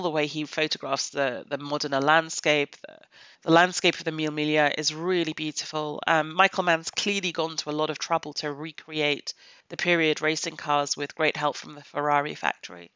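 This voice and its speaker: A woman's voice: deep voice, sharp tone, smooth, no echo. A woman giving a blunt, opinionated film review on a podcast. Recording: slightly dull, dry podcast audio.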